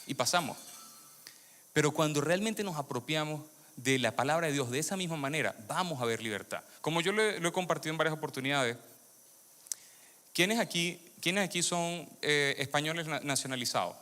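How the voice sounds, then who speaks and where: The man, originally from Venezuela, speaks at a fairly high pitch with lively intonation, a sharp tone, and a slightly quick pace. Preaching his testimony to a congregation, he questions the crowd and repeats phrases for emphasis, with long hall reverb throughout.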